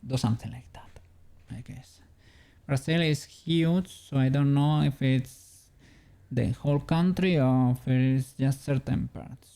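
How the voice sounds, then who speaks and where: Here a Spanish-accented man from Spain, voice mid-range, creaky, and mellow, speaks unhurriedly to viewers during a stream where he's working on a 3D model. The chat is casual and rambling, with him answering messages and chuckling often.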